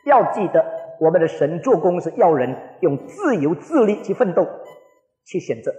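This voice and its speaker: A man in his forties preaching a sermon, telling stories with lively acted-out quotes, recorded in an echoing hall. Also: high-pitched, normal speed, soft background music. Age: 40s. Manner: animated storytelling, acts out quoted voices. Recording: echoey hall with long reverb.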